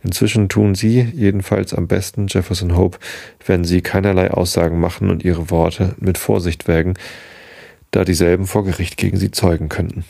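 A man's voice: deep voice, little pitch movement, normal speed, vocal fry, dark tone, no echo, clean studio sound. A man reading the lines of a pale, expressionless police inspector who speaks in a formal, mechanical way.

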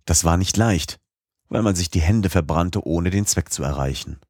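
A man narrating a classic novel as an audiobook in a measured, steady manner. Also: low-pitched, dry recording, clean studio sound.

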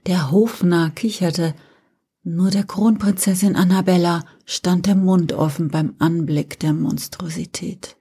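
A woman storyteller reads a fairy tale slowly in a soft, half-whispered voice. Her tone is low and mellow, with a breathy, husky grain. She lets each phrase settle without hurry. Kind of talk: storybook narration.

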